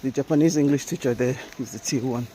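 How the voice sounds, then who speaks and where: Walking outdoors by a road amid traffic noise, a Nigerian-accented English teacher talks at a quick pace in a mid-range voice. His casual chat is lively and chatty, broken by occasional laughter and sprinkled with Japanese fillers.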